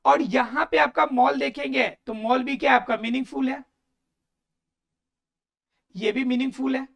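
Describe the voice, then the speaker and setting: Woman grammar teacher, high and gravelly, self-answering questions, repeats key words. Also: steady tone, normal speed. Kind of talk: explanatory lesson.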